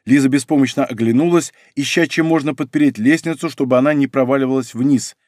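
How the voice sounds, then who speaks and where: A man reading a dramatic audiobook in a steady, tense storytelling manner, close to the mic. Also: mid-range voice, fast talker, no room sound. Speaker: audiobook narrator.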